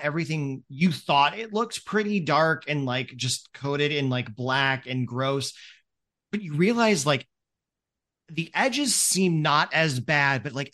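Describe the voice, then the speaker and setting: The game master's narration wanders, stuffed with "um" and "like" fillers, as he runs a tabletop game. His voice is medium-pitched with a fairly bright tone.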